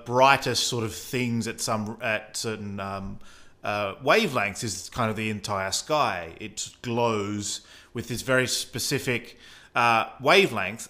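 A man's voice: mid-range voice, pushed and bright. A man from Australia with an Australian accent, co-hosting a casual science chat and explaining physics while thinking aloud. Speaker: co-host.

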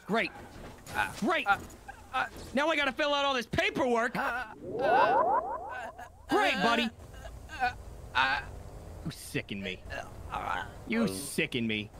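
A man acting as a bossy video game cop with a very high, swooping voice. He is fed up and sanctimonious, repeating commands and taunts over a noisy voice chat. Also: sing-song, slow pace, pauses often, heavily acted. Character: taunting, bossy male invisible police officer, fed up and sanctimonious. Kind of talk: improvised online game role-play.

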